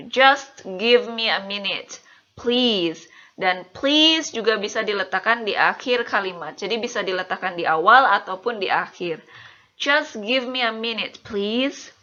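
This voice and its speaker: A woman teaching English grammar, saying example sentences slowly and checking that listeners understand. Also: medium pitch, pushed and bright. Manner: slow, deliberate example sentences. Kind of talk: explaining grammar lesson. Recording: muffled lo-fi voice-over.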